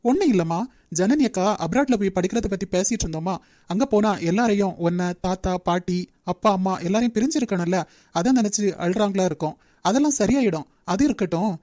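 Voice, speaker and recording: A woman voicing a strict young male company manager in a cartoon, who talks in a brisk, lecturing way. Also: mid-range voice, animated, warm tone, no echo, lightly acted. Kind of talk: Tamil cartoon dub.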